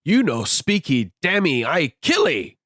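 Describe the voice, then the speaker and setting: A man voicing a gruff male harpooner who threatens in clipped, broken speech. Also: fairly high pitch, huge pitch swings, a little slow, a bit bright, no room sound, clean studio sound, pitched above the performer's own voice, full character voice. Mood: menacing.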